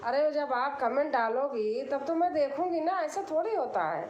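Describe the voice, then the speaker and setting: Speaking at normal speed with an expressive, high yet darkish voice, a woman from Allahabad, India explains herself on a casual live stream, replying to comments in an insistent, repetitive way. The sound is roomy and dull with a little background noise.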